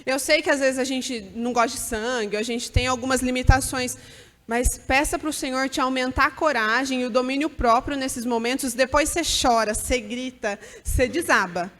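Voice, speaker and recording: A woman's voice: sits high, normal speed, fairly bright tone, long reverb tail. A woman giving an earnest, direct church talk to mothers. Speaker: church speaker at a mothers' gathering.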